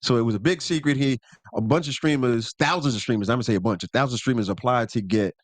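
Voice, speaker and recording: A man's voice: mid-range voice, quick pace, no echo. A man co-hosting a podcast in casual chat, laid-back and loose with slang, stopping to correct himself. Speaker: podcast co-host.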